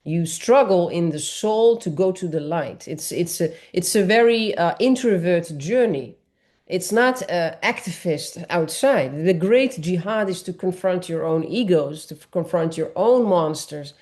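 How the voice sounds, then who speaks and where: Woman, earnest panel speaker, low voice. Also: lively intonation, a little slow, a little mellow. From Morocco. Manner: earnest, explanatory, with frequent restarts. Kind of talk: panel discussion.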